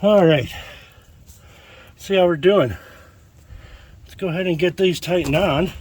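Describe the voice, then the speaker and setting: Relaxed man talking to himself while working. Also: high-pitched, unhurried, a little hiss or hum. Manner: relaxed, talks to himself while working, breathes hard from effort. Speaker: DIY builder vlogging his project. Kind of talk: casual self-narration while working.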